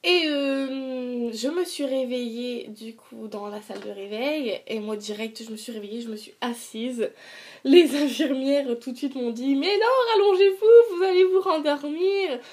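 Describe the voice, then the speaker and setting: A woman's voice: fairly high pitch, fairly even intonation, measured pace, darkish tone. A young woman chatting casually to camera as a vlogger, retelling her story in colloquial language with sarcastic asides and acted-out dialogue.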